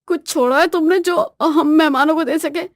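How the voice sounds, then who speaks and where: A woman's voice: high-pitched, moderate pace, no echo, clean studio sound, voice pushed up, lightly acted. A woman voicing a jovial, teasing young male office friend in a storybook tale.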